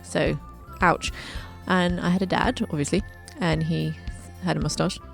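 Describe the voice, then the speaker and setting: A woman's voice: deep voice, fairly even intonation, unhurried, gravelly, soft background music. A woman, narrating her own life story with chatty, joking asides. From England. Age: 20s. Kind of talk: scripted narration over a drawing video.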